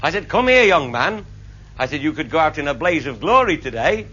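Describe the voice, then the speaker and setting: High, lively storyteller. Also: male voice, brisk, a little hiss or hum. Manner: broad, earthy, swears freely, voices the people in his tales. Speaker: raconteur. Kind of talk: comic storytelling to a live audience. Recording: muffled old live recording with audience laughter.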